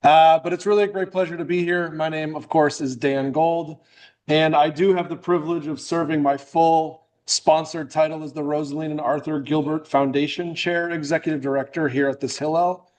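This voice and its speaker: Man from new england, middle-aged, slightly high voice, friendly joking club talk. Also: steady tone, normal speed, darkish tone. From New England, USA. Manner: friendly, joking, loose with restarts. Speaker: guest speaker. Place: meeting room.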